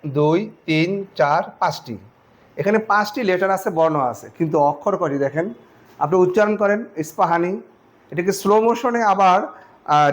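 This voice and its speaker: A man gives a grammar lesson in a fairly high voice. He explains step by step and breaks words into syllables, counting them out slowly for his students. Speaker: teacher.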